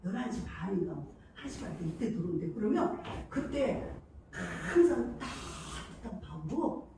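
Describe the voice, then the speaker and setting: A woman's voice: mid-range voice, big pitch swings, measured pace, gravelly, warm tone, far from the mic, a little hiss or hum. Woman pastor preaching in an echoey hall. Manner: emotive storytelling with many fillers. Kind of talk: sermon. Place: church sanctuary.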